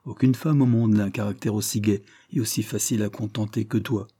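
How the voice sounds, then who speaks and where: A man voicing a reserved young lord who answers in short, quiet replies. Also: lowish voice, steady tone, fairly quick, slightly rough, dry recording, clean studio sound.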